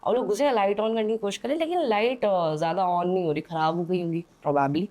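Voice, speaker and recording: A woman's voice: medium pitch, a little fast, darkish tone. A young woman, a podcast guest, telling a story in a chatty, casual way, with hesitant fillers and frequent "okay?" check-ins. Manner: chatty, checks in often with "theek hai". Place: indoor podcast studio.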